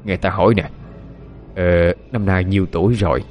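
A man's voice: fairly low pitch, expressive, normal speed, lo-fi sound, soft background music, natural voice. A man voicing a cruel, lecherous village official who orders people around and coaxes with false sweetness. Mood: wheedling. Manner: domineering, threatening, then falsely sweet.

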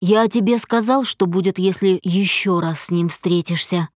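A woman's voice: fairly low pitch, normal speed, dry recording, lightly acted. Jealous bossy husband, harsh and menacing, woman reading him, dry sound. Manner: harsh, clipped, threatening.

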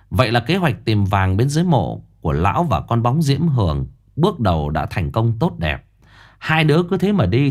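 A man narrating a ghost story in an expressive storytelling way. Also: mid-range voice.

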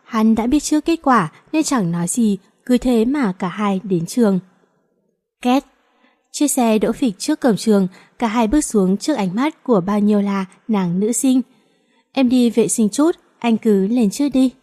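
A woman narrating a romance novel audiobook. She reads steadily and evenly, her voice a little on the high side. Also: animated, moderate pace, mellow.

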